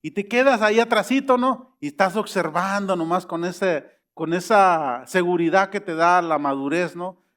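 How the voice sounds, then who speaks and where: Middle-aged male pastor, high voice, lively sermon that acts out quoted voices. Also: normal speed, hardly any pauses. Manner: animated preaching that acts out quoted voices, rising to emphatic high peaks.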